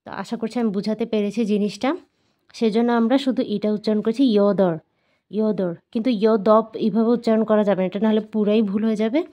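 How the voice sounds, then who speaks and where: A woman teaching Korean numbers to learners, explaining patiently and repeating each word slowly several times. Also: mid-range voice, steady tone, mellow. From Bangladesh. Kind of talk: explaining and drilling pronunciation.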